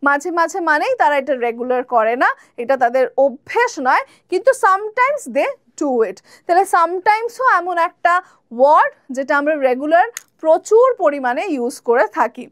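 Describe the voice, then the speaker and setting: A woman teaching spoken English, slowly modelling pronunciations and asking viewers to repeat after her. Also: high voice, sing-song, no echo, studio quality. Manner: slow, drawn-out model pronunciations, then quick explanations; addresses viewers directly, asks them to repeat and comment.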